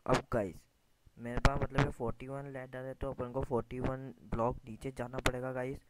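A man with a medium-pitched voice narrates his gameplay at normal speed as a gaming YouTuber, chatting casually, addressing viewers with a constant "guys," and grumbling over his mistakes. Steady noise runs through the screen recording.

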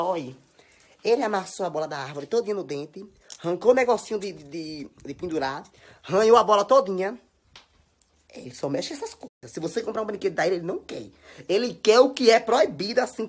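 A woman's voice: medium pitch, slight background noise. A young woman with a Bahian accent talking dramatically and exaggeratedly at home into her phone, scolding and chattering. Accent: Bahian Brazilian Portuguese. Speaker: social media personality. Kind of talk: casual phone stories monologue.

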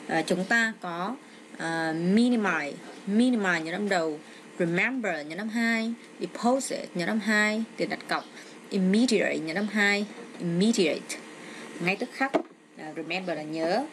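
Hesitant woman teacher in a noisy room. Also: mid-range voice. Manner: explains step by step with frequent hesitant fillers. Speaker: English teacher. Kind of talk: exam walkthrough lesson. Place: home with a child nearby. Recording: noisy home recording.

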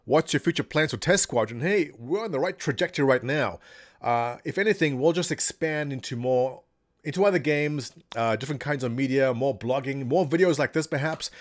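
Clean studio sound with no echo carries a medium-pitched, slightly fast male voice. He's in his thirties, a gaming community leader answering viewer questions at his home office desk from a gaming chair, reading them aloud and staying animated and jokey in this casual webcam Q&A, speaking into a desk condenser mic in front of him.

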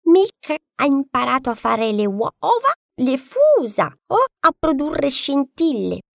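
A haughty know-it-all hen, squawking high and drawn out. Her words keep breaking into stuttering clucks. Close, dry sound. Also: sing-song, slow, creaky, no room sound, exaggerated voice. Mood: bossy clucking.

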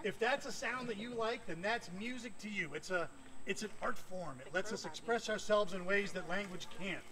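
A man's voice: high-pitched, moderate pace, a crowd in the background. Upbeat man teaching kids music. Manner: upbeat, quizzing the children. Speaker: children's music presenter. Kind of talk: interactive kids' music lesson. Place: public library event room.

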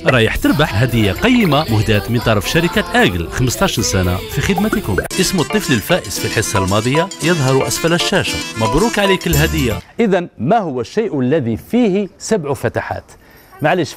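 Lively Algerian man hosting a kids' show. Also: mid-range voice. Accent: Algerian Arabic. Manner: animated, coaxing questions to children. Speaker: children's TV host. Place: colorful TV studio set with children audience. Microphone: handheld mic.

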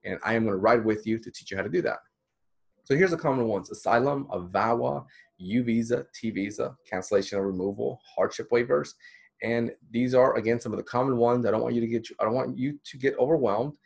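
A man's voice: medium pitch, brisk, vocal fry, husky. A man in his thirties, a counselor from the Dominican Republic, giving a casual, encouraging recorded lecture with many fillers. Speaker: counselor teaching a course. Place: small indoor room.

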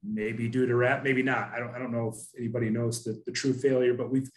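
A man's voice: medium pitch, flat delivery, fast. A man in his thirties speaking earnestly on a video call from an office, with many restarts and fillers. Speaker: panelist from an asphalt producer. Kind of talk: casual webinar discussion. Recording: roomy video call audio.

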